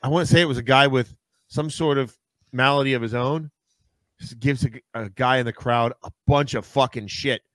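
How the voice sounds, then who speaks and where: A man's voice: mid-range voice, steady tone, moderate pace, fairly bright tone, no echo. A man co-hosting a podcast in casual group banter, with a sardonic, insulting, needling way of talking. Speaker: podcast co-host.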